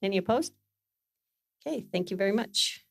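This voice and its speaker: A woman chairing a council meeting in a formal but unscripted way, with halting phrasing and self-corrections. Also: mid-range voice, expressive, creaky, no room sound, studio quality. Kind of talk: formal meeting facilitation, partly off the cuff. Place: council meeting room, speaking into a microphone.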